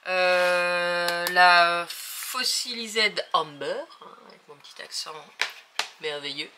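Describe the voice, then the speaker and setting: A woman's voice: on the low side, noisy background. A woman hosting a casual craft tutorial, talking hesitantly with many fillers as she thinks aloud while working.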